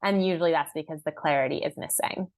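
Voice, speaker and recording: A woman's voice: sits low, quick pace. Upbeat woman teaching marketing, casual. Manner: upbeat and conversational, heavy use of "like"; acts out clients' and buyers' lines in a raised voice. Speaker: marketing workshop presenter. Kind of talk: online class presentation.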